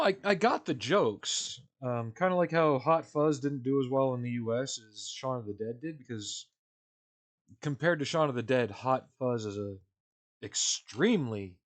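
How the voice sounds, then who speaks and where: A man rambling casually to stream viewers. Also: medium pitch. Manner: rambling, relaxed, with frequent fillers and chuckles. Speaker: live streamer building a model kit. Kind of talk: casual chat with a live stream audience. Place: home.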